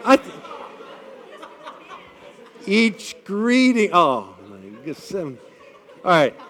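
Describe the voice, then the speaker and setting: Over a microphone with a little hiss or hum, a Midwestern American man runs an audience icebreaker during a live talk. His booming, projected voice is slightly higher in pitch, and he takes it slowly. As the event speaker leading the group, he rallies them with energetic, upbeat enthusiasm and frequent "all right?" checks.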